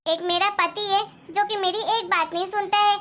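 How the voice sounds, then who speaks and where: A woman's voice: extremely high pitch, steady tone, moderate pace, a bit bright, a little hiss or hum. A woman voicing a resentful young daughter-in-law who complains sarcastically in a cartoon story. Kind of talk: Hindi cartoon story dialogue.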